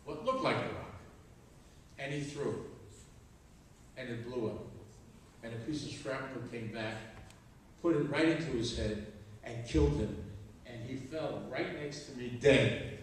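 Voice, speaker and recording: An older man, a Holocaust survivor, telling his family's story to students at a school with slow, deliberate pacing and acted-out dialogue. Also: mid-range voice, a little hiss or hum. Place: school auditorium. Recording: very echoey hall, from far off, faint ambience.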